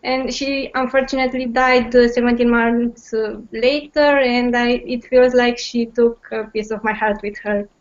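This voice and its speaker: A woman's voice: fairly high pitch, fairly even intonation, moderate pace, few pauses. A young woman, a medical student, giving a conference presentation over a video call, hesitant and full of fillers. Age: young adult. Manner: hesitant with many fillers, nervous laughs. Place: home at night. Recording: dull online call audio.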